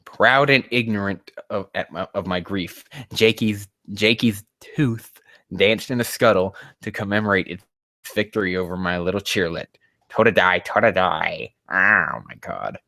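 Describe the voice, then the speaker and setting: With a deep, gravelly, sharp-toned voice and no echo, a man reads fan fiction aloud at a moderate pace. He's a host critiquing the amateur story, mocking it casually while rambling, swearing out of exasperation and stumbling through the text.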